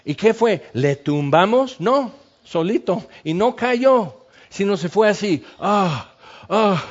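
A high-pitched male pastor delivers a lively sermon. He acts out stories with punchy sound effects and sometimes sinks into near-hushed tones. The recording is dull and lo-fi. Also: slow.

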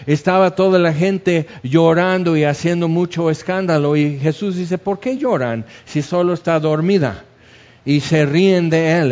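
A man with a slightly raised pitch preaches in an easy, conversational way. He breaks off and restarts words and acts out the quotes as he explains the passage. The recording is dull and lo-fi. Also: darkish tone. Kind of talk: expository sermon.

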